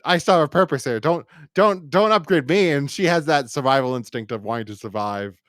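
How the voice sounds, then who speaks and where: A podcast co-host with a mid-range, expressive, slightly bright voice chats casually about an audio drama. He rambles and halts, often restarting and repeating words. The recording is dry and studio quality.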